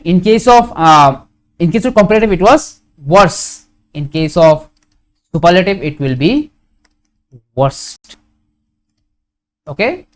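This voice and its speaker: A man talks through a grammar lesson for his students. He fills every pause with "okay." He asks questions and answers them himself, correcting his own small slips along the way. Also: on the high side. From India. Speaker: teacher.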